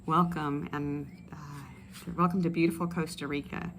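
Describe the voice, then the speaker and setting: A woman speech pathologist leading voice and swallowing exercises in a relaxed, explanatory way with many fillers. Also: low-pitched, normal speed, noisy background. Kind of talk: instructional exercise video. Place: outdoors in a tropical setting. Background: ambient outdoor sounds with birds.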